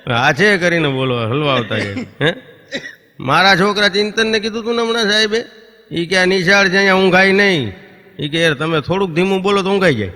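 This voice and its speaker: A man's voice: high voice, lively intonation, pushed and bright. A man doing a stand-up folk comedy routine on stage, telling stories and voicing neighbours and children. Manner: storytelling with quick voiced impressions of neighbours and children. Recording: long reverb of a stage hall.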